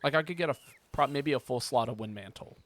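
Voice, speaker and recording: A man streams a video game, chatting casually and rambling as he thinks out loud in live gaming commentary. His voice sits at medium pitch, a bit bright, with a quick pace and no echo. Background noise is clearly audible in the recording.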